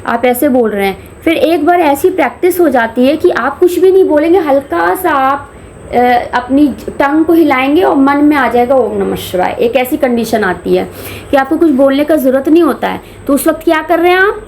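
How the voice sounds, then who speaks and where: High-pitched woman, spiritual teacher, explanatory, slows on key terms, light background hiss. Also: lively intonation, darkish tone. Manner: mixes Hindi with English phrases, slows for key terms; chants demonstrations mid-explanation. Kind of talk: explaining meditation to a camera.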